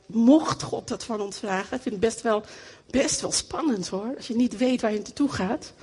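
A middle-aged woman delivers a sermon with lively, repeated phrases for emphasis. Her voice sits fairly high and a little husky. The sound carries a long reverb from the hall. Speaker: preacher.

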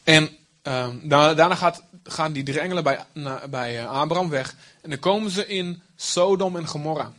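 A man's voice: a little high, normal speed, fairly bright tone. A man preaching a sermon, explaining the text in plain everyday speech with asides.

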